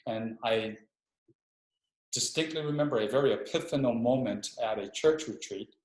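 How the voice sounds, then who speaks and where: A man's voice: medium pitch, normal speed, a little mellow. Middle-aged man, army chaplain, hesitant reflective speech, echoey room over a video call. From Hawaii. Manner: reflective, hesitant, restarts often. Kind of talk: conversational webinar interview. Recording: roomy echo.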